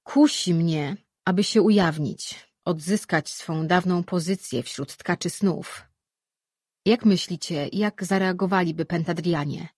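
Reader doing ancient immortal man, wary, patient, earnest, husky voice, fantasy audiobook. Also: mid-range voice, measured pace, a little mellow, no room sound, clean studio sound.

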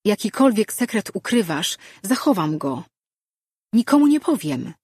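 Teen boy apprentice, urgent and loyal, read by a woman, husky, dry close sound. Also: mid-range voice, big pitch swings, a little slow, darkish tone, no echo, pitched above the performer's own voice. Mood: pleading. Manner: urgent, pleading. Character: anxious eager teenage boy apprentice.

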